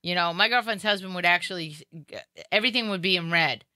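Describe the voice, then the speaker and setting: A middle-aged woman, a guest on a talk show, chatting casually with jokes and quick asides. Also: on the low side, sharp tone, dry recording, clean studio sound. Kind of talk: casual chat.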